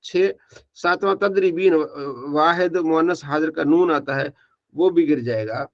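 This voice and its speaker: A man with a slightly raised pitch teaches an online grammar class. He works through verb forms one by one and asks questions before he answers them. The recording is dull and lo-fi. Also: measured pace, vocal fry. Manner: drills students by asking and answering his own questions, repeats forms.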